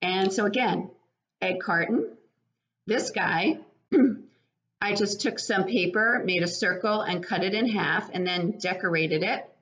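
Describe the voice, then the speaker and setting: An older woman explains a children's craft step by step in a plain, preschool-educator way, speaking slowly in a medium-pitched, fairly bright voice. She's indoors in her living room, recorded by a webcam at about arm's length that gives dull sound.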